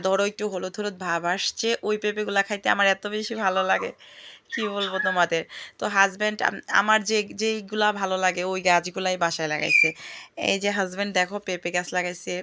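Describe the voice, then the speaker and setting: A chatty woman, recorded outdoors in her home garden on a handheld phone. Her voice is bright and forceful, at an ordinary pitch for a woman. She talks freely, exclaims often, and calls out to her bird. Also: slight background noise. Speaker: vlogger. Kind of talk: casual home vlog.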